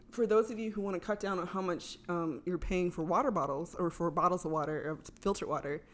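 A woman's voice: lowish voice, a little fast. A woman chatting casually on a podcast, explaining travel tips and laughing often. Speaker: podcast co-host.

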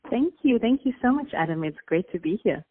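A South African business founder, a woman with a South African accent, answers interview questions earnestly and reflectively, with fillers and restarts. Her voice is a little high, expressive and a little fast, heard over a tinny phone line.

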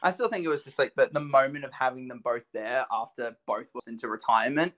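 A man co-hosting a casual podcast chat, excitable and animated, laughing often. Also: mid-range voice, fast. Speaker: podcast co-host.

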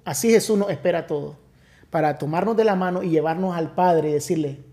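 Man, pastor guest, high mellow voice, earnest testimony storyteller. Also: fast talker. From Nicaragua. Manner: earnest storytelling, many restarts. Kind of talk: testimony in casual conversation.

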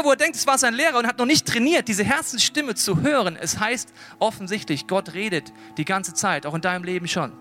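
A man preaches a lively sermon in a high-pitched voice. He is animated and often slows down to stress a point, with soft music faintly underneath. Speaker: pastor.

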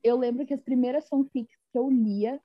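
A woman's voice: high-pitched, steady tone, moderate pace, highs cut off, slight background noise. A woman from Brazil co-hosting a casual podcast chat, talking in a chatty way with many restarts and frequent laughs. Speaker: podcast co-host.

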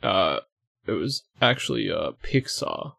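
A man's voice: lowish voice, lively intonation, unhurried, creaky, bright, forceful tone, breathy edge, no echo, clean studio sound. A man co-hosting a casual podcast, rambling and laughing often, with casual swearing. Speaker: podcast co-host.

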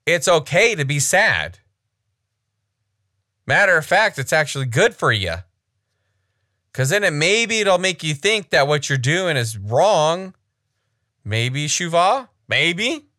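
A man's voice: a little high, sing-song, slow pace, pauses often, sharp tone, no echo, studio quality. A man casually commenting on a sermon clip, blunt, frank and critical.

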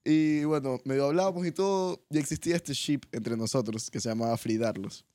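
A young man, a podcast guest telling animated, laughing stories in casual chat. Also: mid-range voice, brisk, no echo. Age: young adult. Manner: animated storytelling, laughs often.

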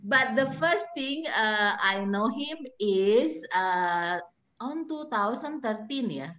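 A woman's voice: fairly high pitch, expressive, slow, fairly bright tone. A woman hosting a casual podcast interview over a video call, speaking with hesitant fillers and a teasing, laughing manner. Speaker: podcast host.

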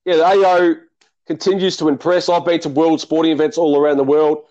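A man's voice: fairly high pitch, flat delivery, brisk, darkish tone, highs cut off. A man from Melbourne with an Australian accent, hosting a casual chat about tennis and calling the match in a rambling, restart-filled way. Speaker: host and tennis fan commentator.

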